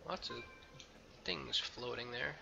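A man's voice: medium pitch, slow, creaky, pushed and bright, highs cut off. A man hosting a let's play, talking casually over his game with frequent ums and a loose, rambling manner. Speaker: gameplay video host. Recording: game music playing behind.

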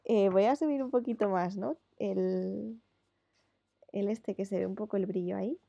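Chatty woman with a gravelly voice. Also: medium pitch, moderate pace, dark tone, no room sound, highs cut off. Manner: chatty, rambling with many fillers. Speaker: illustrator. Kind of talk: casual chat while drawing live.

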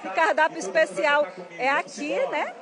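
High-voiced woman reporting live. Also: moderate pace. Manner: lively, chatty, addresses anchor often. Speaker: field reporter. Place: outdoor community restaurant with live forró band. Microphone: handheld TV mic, masked. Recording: loud forró music and crowd behind.

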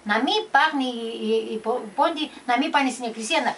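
Older woman telling a halting story. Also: sits high, fairly bright tone. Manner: halting, many restarts and repeated words. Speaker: storyteller recalling the past. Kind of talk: casual family storytelling. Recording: distant mic with faint background noise.

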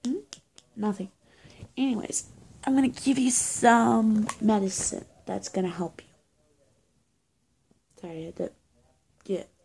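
This roleplay video creator, a young woman, improvises to camera as a witch caring for an injured person. Her mid-range, darkish voice is halting, confiding, and breathy, frequently dropping toward a whisper, captured by a phone or webcam at arm's length in a small indoor room with bare walls.

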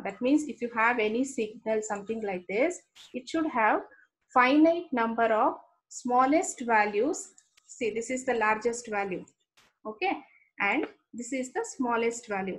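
A woman's voice: on the high side, a bit bright, slight background noise, rough recording. A woman with an Indian English accent giving an engineering lecture, explaining step by step and often checking in with "okay". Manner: explanatory, frequent "okay" checks, repeats terms.

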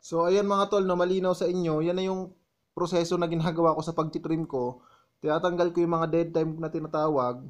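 A man with a fairly high voice gives a relaxed, chatty tutorial voice-over. He walks listeners through each step in turn and keeps calling them "tol" like old friends. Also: fairly quick. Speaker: vlogger explaining his editing.

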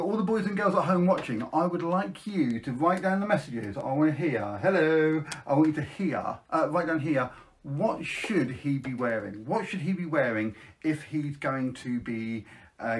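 A middle-aged man talking like a kids party magician, presenting tricks to camera and coaxing children to join in and shout along. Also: on the high side, expressive, normal speed, a little hiss or hum. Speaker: children's magician, live show host. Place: small indoor room at home, facing camera.

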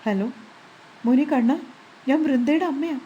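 A frightened middle-aged mother speaks in an urgent, tearful rush, her voice high and mellow, as a woman narrator puts her on. Faint hiss in the background. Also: measured pace, muffled recording. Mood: distraught. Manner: distraught, urgent.

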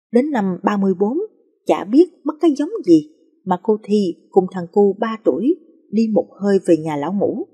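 A woman narrating emotional life stories in a soft, feeling storytelling manner. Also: mid-range voice, slightly rough.

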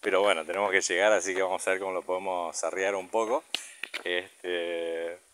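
This Argentine dad, speaking Rioplatense Spanish, has a deep voice with fairly even intonation at a normal speed. He holds a camera or phone while strolling a path outdoors, talking to the camera and to his kid in a casual vlog. Background noise is clearly audible.

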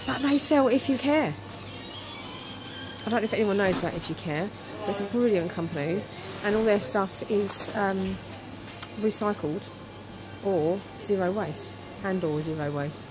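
In this clip the farm-shop vlogger speaks in a mid-range voice at normal speed, and the recording is rough. She films her casual tour on a handheld phone inside the big shop, exclaiming excitedly at things over loud music.

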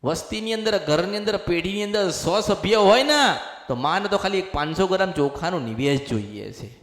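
A man's voice: high voice, lively intonation, moderate pace, fairly bright tone. A man preaching as a temple medium, speaking as the mother goddess and repeating his exhortations over and over. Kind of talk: devotional sermon. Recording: echoey hall reverb.

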